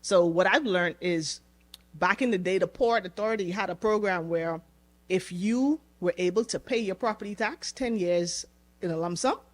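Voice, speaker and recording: Woman, young adult, podcast guest, casual chat, relaxed, chatty, mid-range pitch. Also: moderate pace. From Bahamas. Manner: relaxed, chatty, laughs easily, repeats words as she goes.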